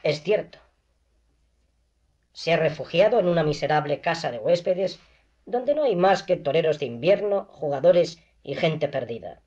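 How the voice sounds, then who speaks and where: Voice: mid-range voice, warm tone. A reader voicing a stern, ironic male doctor who lectures and admonishes, in an audiobook reading on a dull lo-fi recording.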